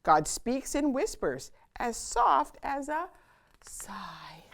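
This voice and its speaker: A woman hosts a children's storytime, reading a picture book aloud in an expressive, sing-song way with dramatic pauses. Her voice is high-pitched with vocal fry.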